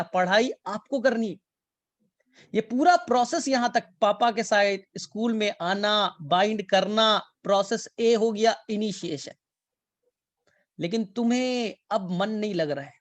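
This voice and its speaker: A male teacher gives a biology lecture in a playful, storytelling manner. He acts out a father and a child who is scared of school, keeps repeating key phrases, and slips in English terms. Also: high voice. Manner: mixes English terms into Hindi. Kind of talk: classroom lecture with analogies.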